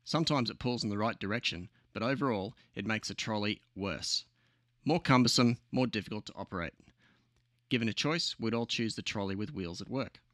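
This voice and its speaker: A man's voice: fairly low pitch, brisk, a bit bright, no echo, studio quality. An Australian man narrating a scripted podcast as host, sardonic and opinionated.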